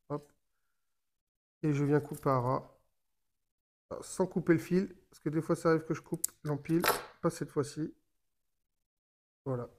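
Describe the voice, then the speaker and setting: Man, slightly high voice, casual how-to, halting, many fillers and restarts, talks while handling gear. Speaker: fishing tutorial maker.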